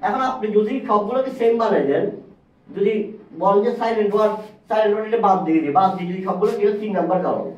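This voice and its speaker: A man teaching an English lesson at a whiteboard. He repeats words slowly and asks questions. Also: high voice. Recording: distant, echoey, dull classroom sound.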